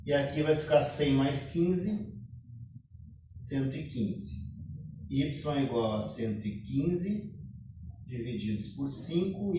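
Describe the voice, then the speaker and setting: A man's voice: a little high, darkish tone, slight background noise. A male math teacher with a Brazilian Portuguese accent, giving a classroom lecture and explaining each step with a short cough now and then. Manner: explains step by step, keeps saying "ó". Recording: very echoey room, mic far off.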